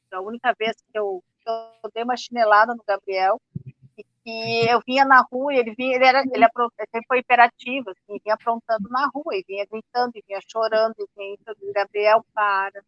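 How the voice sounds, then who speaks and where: A woman's voice: on the high side, a little fast, no echo, lo-fi sound. A middle-aged woman, telling a family story in casual chat and acting out the dialogue. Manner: animated, acts out dialogue, many fillers. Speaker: study group participant.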